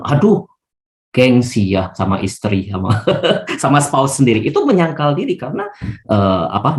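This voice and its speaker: A man leading a bible study on a video call, explaining calmly with everyday examples and a frequent "ya". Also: lowish voice.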